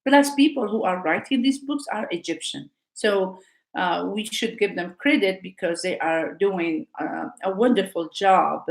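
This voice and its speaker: The audio is poor and reverberant as a North African woman, an Arabic teacher whose first language is Arabic, talks in a mid-range voice at a measured pace with vocal fry. It's casual live talk, hesitant and full of fillers and restarts.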